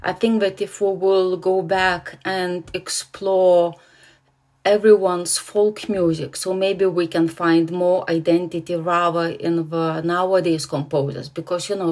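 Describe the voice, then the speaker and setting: A woman's voice: fairly low pitch, darkish tone. A woman from Lithuania with a Lithuanian accent, a composer answering interview questions hesitantly and searching for words.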